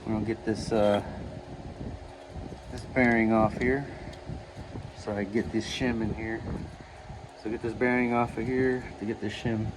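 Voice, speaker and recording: Man, lowish voice, casual garage vlog, mumbling to himself while wrenching. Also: little pitch movement, measured pace, pauses often, noisy background. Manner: muttering to himself while working. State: out of breath. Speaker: vlogger working on his truck axle. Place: garage workshop, partly outdoors in wind.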